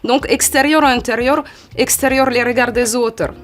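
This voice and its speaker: A woman in her forties from Ukraine with a Ukrainian accent, a model answering interview questions in a halting way, often restarting. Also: on the high side, steady tone. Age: 40s. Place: photo studio.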